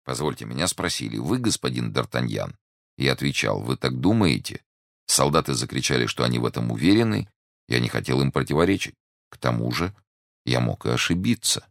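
A man's voice: rumbling low, gravelly, no room sound, heavily acted. A man playing a cool, unflappable musketeer. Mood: calm. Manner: calm, dry, unhurried. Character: calm cool male musketeer around thirty. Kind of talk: audiobook character reading.

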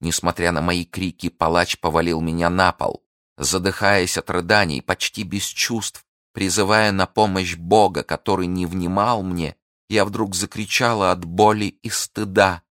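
A man's voice: sits low, steady tone, measured pace, a bit bright, no echo, clean studio sound, pitched above the performer's own voice. A man reading an audiobook, voicing a scheming young noblewoman in a pleading, theatrical manner. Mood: anguished. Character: scheming noble young woman, proud and wounded.

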